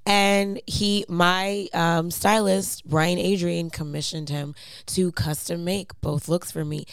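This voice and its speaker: A woman with a hoarse, raspy voice, chatting casually and telling stories in a playful, slangy way. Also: lowish voice, steady tone, slow pace, no room sound. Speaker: performer, singer and dancer. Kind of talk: casual chat, animated storytelling.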